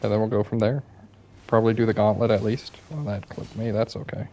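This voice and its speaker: A man's voice: on the low side, steady tone, a little fast, mellow, a little hiss or hum. A young man giving casual, self-deprecating commentary over his gameplay, sounding a bit worn out and apologizing often. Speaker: gaming YouTuber.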